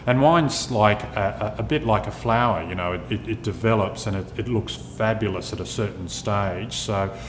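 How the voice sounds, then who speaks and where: Male winemaker, low voice, halting sommelier tasting notes, unscripted, echoey noisy room. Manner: descriptive tasting talk with halting pauses. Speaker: winemaker presenting his wine. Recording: echoey room, clear rumbling background noise.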